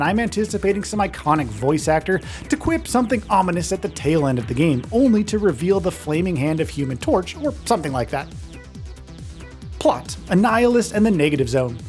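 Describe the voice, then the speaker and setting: An enthusiastic man reads a scripted countdown video in an informal style. His voice sits a little high and moves up and down with lively pitch, over background music. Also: fairly quick, few pauses. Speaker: video game countdown narrator. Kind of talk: scripted top ten countdown narration.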